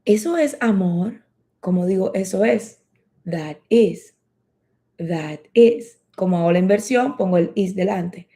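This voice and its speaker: A woman teaching English in a lesson, slowly repeating phrases for learners to practice. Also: medium pitch, mellow. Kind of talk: bilingual language lesson.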